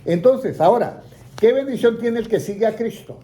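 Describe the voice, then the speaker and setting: This Bible teacher has a very high, mellow, expressive voice and a moderate pace. Guiding a small indoor group, he asks questions and lets listeners complete his sentences.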